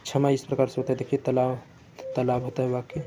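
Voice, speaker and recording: A man's voice: medium pitch, monotone, quick pace, mellow, slight background noise. A man teaching Hindi spelling for exam prep, going word by word and often correcting himself. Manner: self-correcting, repetitive word-by-word explanation.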